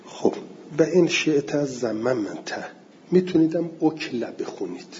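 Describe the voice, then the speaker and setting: A man teaching a class, explaining word meanings step by step, asking and answering his own questions and slowing down to recite verse. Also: a little high, big pitch swings, a little mellow, in a large hall, lo-fi sound, slight background noise. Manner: slows down to recite Arabic verse and terms.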